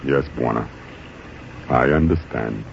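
A grave, obedient male gun bearer in a 1950s radio play. His voice is extremely deep and gravelly, heard through a dull old recording. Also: a little slow, soft background music, full character voice. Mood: grave, dutiful. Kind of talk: 1950s radio drama acting. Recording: muffled old radio recording, faint noise.

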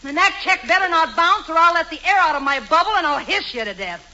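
A brassy showgirl trades slangy wisecracks in a very high, lively voice. The sound is a muffled 1940s radio comedy with steady hiss. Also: fast. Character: brassy showgirl woman, Alan's ex-wife. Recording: scratchy old radio broadcast with hiss.

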